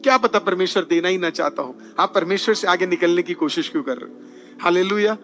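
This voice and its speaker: A man preaching a sermon in a high, bright voice, calling out hallelujah between points and mixing in English phrases. Faint music plays softly underneath him. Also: quick pace, lo-fi sound. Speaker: pastor. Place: church.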